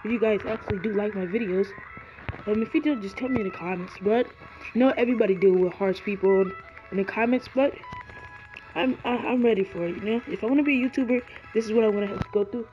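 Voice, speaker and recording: His voice sits high and moves fast as this gaming YouTuber rambles earnestly through gameplay commentary. Cold in a garage, he shivers and fills his talk with ums and likes. Loud music plays over the dull, lo-fi recording.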